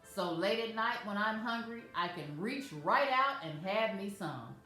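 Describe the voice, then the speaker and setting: A devout, joyful elderly woman talks to the children with folksy affection, as a woman storyteller puts her on. The room echoes heavily. Soft music hums behind her. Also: medium pitch, expressive, a little slow. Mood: loving.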